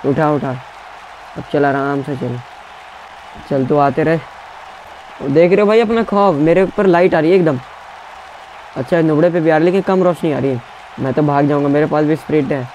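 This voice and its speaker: Young male gaming streamer, fairly high voice, trash-talks on-screen rivals, faint arena crowd under him. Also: normal speed, long pauses, slight background noise, low-quality recording. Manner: trash-talking, taunting opponents, shouting commands. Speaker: gaming YouTuber. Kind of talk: excited gameplay commentary.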